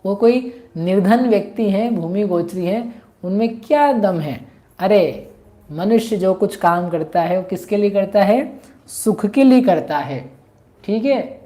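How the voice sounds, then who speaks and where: A woman's voice: medium pitch, lively intonation, unhurried, dark tone, natural voice. A woman voicing a proud queen who coaxes and scolds a captive woman, in a scripture storytelling lesson. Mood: coaxing. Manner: persuasive, scolding.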